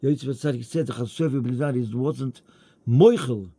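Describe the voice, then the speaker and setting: A man giving a Torah lecture in English mixed with Hebrew and Yiddish terms, emphatic, rising high on rhetorical questions. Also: normal speed, warm tone.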